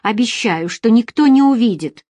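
A woman's voice: a little high, animated, moderate pace, warm tone, no echo, voice pushed up. A woman reading the part of a proud, jealous young man on holiday in a storybook, in a wry, defensive manner. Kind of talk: audiobook character voice.

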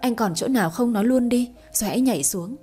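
A sharp-tongued middle-aged wife , as a woman narrator puts her on. The voice stays mellow under the bickering. A faint music bed plays behind. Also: a little high, fast, husky. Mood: pleading. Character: middle-aged wife, tearful then shrill.

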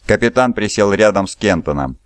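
Male audiobook narrator, steady storytelling, low voice, dry close mic. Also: a little fast, clear, resonant tone, dry recording. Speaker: audiobook reader. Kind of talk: scripted narration.

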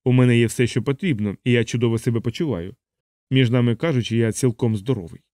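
A man voicing a sardonic young bomber captain in a hospital bed, speaking in a deadpan, mocking way. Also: medium pitch, fast, dry recording, clean studio sound, lightly acted.

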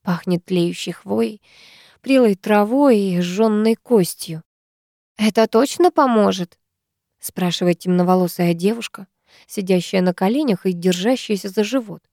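A woman narrating a story in a measured, even manner. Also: medium pitch, no room sound, clean studio sound. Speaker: audiobook narrator. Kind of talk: scripted narration.

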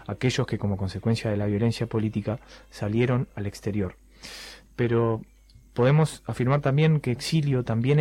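Man, scripted radio reading, measured, solemn. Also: medium pitch, darkish tone. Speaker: presenter.

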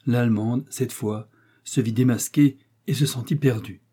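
Mellow husky man reading a story. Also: medium pitch, steady tone, a little slow. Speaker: audiobook reader. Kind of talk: scripted narration of a wartime novel.

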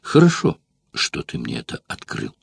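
A man voicing a hushed, jealous Greek courtesan. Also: rumbling low, wildly swooping pitch, moderate pace, vocal fry, breathy edge, no echo, voice pushed down, heavily acted. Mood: grim. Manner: hushed, pleading and intense. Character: passionate young Greek courtesan woman, coaxing and jealous. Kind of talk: audiobook character voicing.

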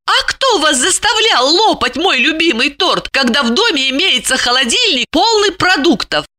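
A woman voicing a shrill, indignant housewife. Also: big pitch swings, sharp tone, heavily acted. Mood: mocking reproach. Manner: shrill, scolding, quick to flare up. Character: indignant, excitable plump married woman. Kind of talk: audiobook character voice.

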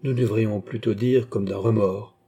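A man giving a slow, measured audiobook narration of a classic novel. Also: on the low side, fairly even intonation, mellow, breathy edge. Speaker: audiobook reader.

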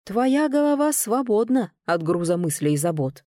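A woman voicing a cold, calculating young nobleman who speaks calmly and without hurry. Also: mid-range voice, dry recording, studio quality, lightly acted. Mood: cool. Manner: calm, measured and unhurried. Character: cold, calm, calculating young male lord.

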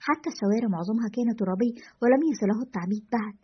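A woman's voice: medium pitch, very fast, slightly rough, natural voice. A woman reading as a woman caller recalling. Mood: recollecting. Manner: recollecting, descriptive. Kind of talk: storytelling narration. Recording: lo-fi dull audio.

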